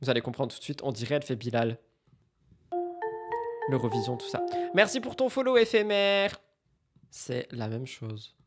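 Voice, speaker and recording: A man's voice: medium pitch, expressive, normal speed, pauses often, soft background music. A young man hosting a casual live stream, reacting to celebrity news and reading out chat messages, with a chatty, jumpy delivery. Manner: chatty, jumps between loud outbursts and mumbled asides.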